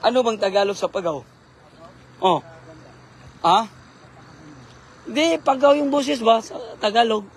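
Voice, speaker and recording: A hoarse man doing casual live-stream commentary on a night fishing trip, giving shout-outs and spelling names for viewers. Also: extremely high pitch, animated, measured pace, pauses often, slight background noise. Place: outdoors at night by the water.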